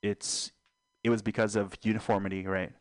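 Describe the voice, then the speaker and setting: A young man hosting a casual podcast, low-voiced and deadpan, drifting from one absurd joke to the next with trailing fillers. The sound is dry and close, with no room echo at all. He rambles rather than performs. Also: moderate pace. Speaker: podcast host.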